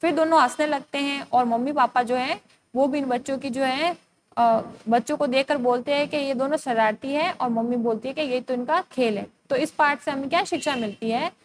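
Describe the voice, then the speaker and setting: A woman's voice: high-pitched, brisk. A young woman teacher with an Indian accent, reading a school story aloud and explaining each hard word to young children. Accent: Indian Hindi.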